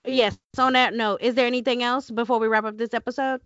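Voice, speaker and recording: A woman hosting a podcast in casual banter, with a squeaky, chipmunk-like voice and a feisty, sweary manner. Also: fairly even intonation, quick pace, no room sound, muffled recording. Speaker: podcast host.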